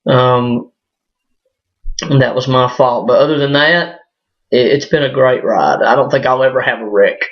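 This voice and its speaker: A vlogger with a hoarse, slightly cracking voice from a sinus illness gives a casual personal monologue straight to camera, loose and halting, full of fillers and restarts. His pitch is mid-range for a man. The device's built-in mic, with no external microphone, makes the sound dull and lo-fi.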